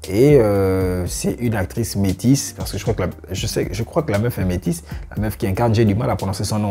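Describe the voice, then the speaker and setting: A man's voice: lowish voice, gravelly, mellow. A young man giving his opinion in a casual reaction vlog, talking straight to his viewers with lots of fillers. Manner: conversational, addresses viewers directly, many fillers. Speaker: YouTube reaction channel host.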